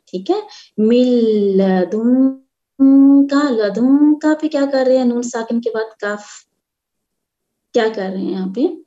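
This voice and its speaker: A woman teaching recitation in an online class, speaking slowly and patiently, repeating syllables and asking her students questions. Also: medium pitch, warm tone, highs cut off. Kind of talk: online tajweed lesson.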